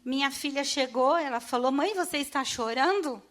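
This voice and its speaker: High-voiced woman giving an emotional testimony. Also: fairly bright tone. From Brazil. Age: middle-aged. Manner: emotional, halting, with restarts. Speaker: church testimony speaker. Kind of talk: personal testimony. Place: church.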